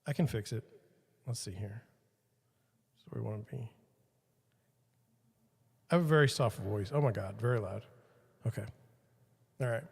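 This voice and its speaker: A fairly low, husky, slightly mellow voice with vocal fry comes from a podcast host speaking at a moderate pace with long pauses in a big-sounding room. He rambles self-deprecatingly to livestream viewers while swapping his mic mount, on a studio mic with changing levels.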